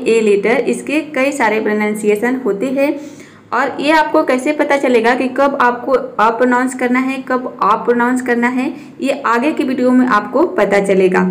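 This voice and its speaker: In a spoken English lesson, a high-voiced woman poses questions to her students and then answers them herself. She slows down to spell out every example word.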